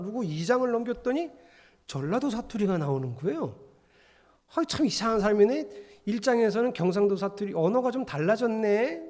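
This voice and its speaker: A man preaching in a church, his voice pitched high and carried by a long, ringing reverb. He talks to the congregation in a conversational way, asking them questions and slipping into the voices of the people he quotes. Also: a little mellow. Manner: acts out quoted voices of students and readers. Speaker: pastor. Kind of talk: sermon. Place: church sanctuary.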